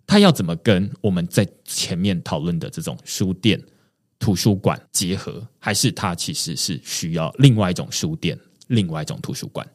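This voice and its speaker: A man, hosting a podcast and explaining his points in a measured, conversational way. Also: low-pitched. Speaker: podcast host. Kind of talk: casual podcast discussion.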